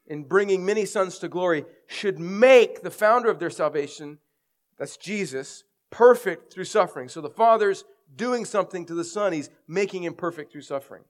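At normal speed and in a high-sitting voice, a middle-aged male pastor preaches with a head cold and a scratchy throat. His sermon is earnest, and he stresses the scripture he reads and explains.

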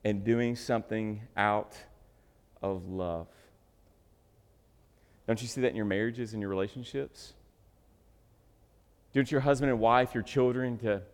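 A man preaching a sermon, joking with the congregation and swinging from loud bursts to hushed asides. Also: mid-range voice. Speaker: pastor. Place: church sanctuary. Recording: reverberant hall.

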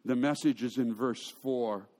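A man's voice: medium pitch, unhurried, warm tone. A man preaching a sermon, telling stories with humor and often restarting his sentences. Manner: storytelling with humor and frequent restarts. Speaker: pastor.

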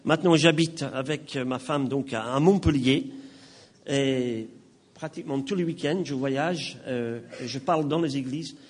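A man in his sixties with a slight non-native accent, preaching a sermon as a pastor in a church, folksy and gently joking, with many filler words between phrases. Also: medium pitch, unhurried.

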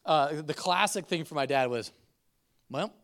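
A middle-aged man preaching a conversational sermon, telling stories with laughs and swings from loud to soft. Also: on the high side, normal speed. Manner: conversational, animated storytelling with laughs. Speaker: pastor.

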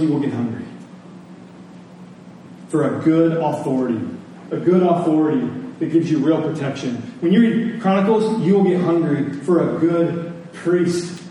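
With a fairly high, warm voice, a man gives a sermon built on rhetorical questions and phrases repeated for emphasis. He was recorded from a distance in a very echoey space, with a little noise underneath.

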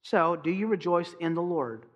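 A pastor delivers a sermon, putting stress on key phrases and firing pointed rhetorical questions at the congregation. His male voice is a little high and he speaks at a normal speed.

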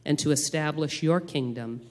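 Guy church elder praying out loud, voice a bit high, reverby hall. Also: moderate pace. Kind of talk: announcement and public prayer. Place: church sanctuary.

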